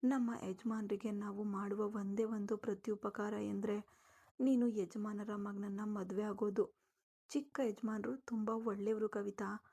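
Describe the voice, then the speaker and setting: A woman voicing an earnest, aging father coaxing his daughter, with a dark, husky tone. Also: medium pitch, flat delivery, a little slow. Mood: persuading. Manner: earnest, persuading.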